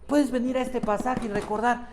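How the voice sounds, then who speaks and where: Un hombre predica un sermón con énfasis, repite frases y le hace preguntas a la congregación. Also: male voice, very high voice, steady tone, moderate pace, background noise. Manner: emphatic, repeats phrases, quizzes the congregation. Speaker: preacher. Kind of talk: sermon.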